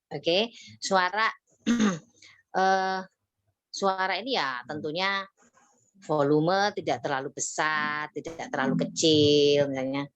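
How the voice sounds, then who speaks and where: A woman teaching sales communication in an online workshop, lively and acting out sales pitches. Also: no echo, muffled recording. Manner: lively, acts out customers and salespeople in quick voices.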